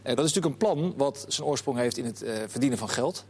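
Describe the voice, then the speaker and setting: A man hosting a football chat show who talks at a brisk clip with a voice of middling pitch. He tells his stories in an animated way and moves quickly from one point to the next. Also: husky. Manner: animated storyteller, lively anecdotes. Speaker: show presenter.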